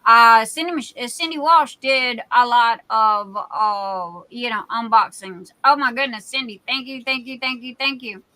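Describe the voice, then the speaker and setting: A woman in her sixties chats casually on a livestream from her home, rambling from one thought to the next. Her voice sits a little high and sounds bright and sharp. She talks slowly and takes her time. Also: low-quality recording. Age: 60s. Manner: chatty and rambling, often drifting off topic. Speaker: livestream host and craft shop owner.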